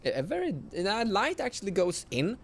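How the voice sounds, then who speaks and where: A man narrating as game master of a tabletop horror game, in slow, halting speech with self-corrections. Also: high voice, huge pitch swings.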